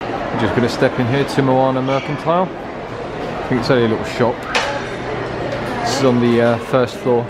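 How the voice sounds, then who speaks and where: A man's voice: mid-range voice, steady tone, moderate pace, pauses often. A middle-aged man narrating a casual vlog while walking through a resort. He talks in an enthusiastic, chatty way and often trails off with fillers. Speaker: vlogger, dad. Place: busy resort lounge and restaurant indoors. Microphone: handheld camera. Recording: loud crowd and room noise.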